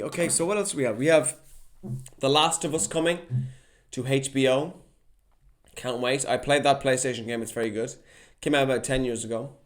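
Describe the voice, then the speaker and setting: A young man hosting his own podcast in a casual solo chat, lively and chatty, slipping into quick mock voices. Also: mid-range voice. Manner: chatty, animated, drops into mock impressions. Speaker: podcast host.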